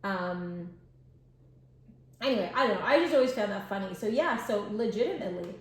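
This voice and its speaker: Brisk and expressive at a medium pitch, this woman hosts a puzzle channel from her home, sounding tired as she rambles unscripted with lots of fillers. The room is echoey. As she concentrates on the puzzle, her talk fades into mutters and whispers.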